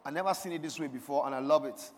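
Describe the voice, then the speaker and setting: A man's voice: on the high side, very fast, a little hiss or hum. A man preaching a sermon to a congregation, leading call-and-response and swelling into emphatic declarations. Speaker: pastor. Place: church sanctuary. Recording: long reverb of a large hall.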